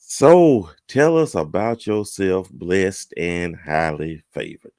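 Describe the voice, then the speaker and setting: A man hosting a dating show, encouraging his guest with steady "mm-hmm"s and questions. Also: sits low, slow, no room sound, studio quality. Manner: encouraging, frequent "mm-hmm" backchannels. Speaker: host. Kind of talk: interviewing a guest.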